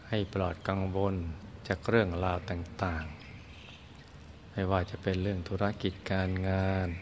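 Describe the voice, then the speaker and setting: A man teaching Buddhist meditation, guiding listeners gently and soothingly in short phrases with long pauses. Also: deep voice, steady tone, a little hiss or hum. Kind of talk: guided meditation instruction.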